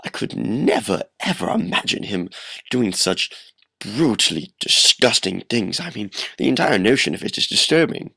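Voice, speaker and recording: A man voicing a self-important, nervous gentleman doctor who stammers and protests evasively in a radio play. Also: on the low side, sing-song, moderate pace, creaky, dry recording, exaggerated voice. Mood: pompous.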